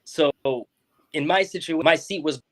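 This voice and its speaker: A young man from South Florida, a school board member appearing as a guest, chats in a casual interview. His voice is a little high and steady, his pace a little slow, and he restarts often and leans on fillers.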